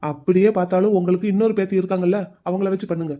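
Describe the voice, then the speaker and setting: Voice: medium pitch, steady tone, racing, mellow, close to an everyday voice. A voice actor playing a curt, protective young husband in a cartoon story, speaking firmly. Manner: firm, curt.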